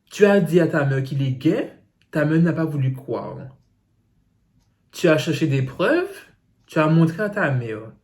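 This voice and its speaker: A man's voice: a little high, big pitch swings, a little slow, pauses often, darkish tone. A man reading out viewer secrets on his phone and reacting to them with teasing asides. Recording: roomy echo.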